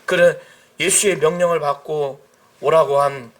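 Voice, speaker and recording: A man's voice: on the high side, steady tone, a little slow. A man, a pastor, preaching an emphatic sermon and acting out the people he quotes. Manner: emphatic, rising to shouts at climaxes; acts out quoted cries and speech.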